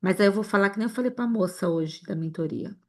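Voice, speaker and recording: A woman's voice: mid-range voice, fast, darkish tone. A woman from Brazil teaching an informal Bible lesson to an online group. She talks straight to the group and acts out little dialogues as she goes.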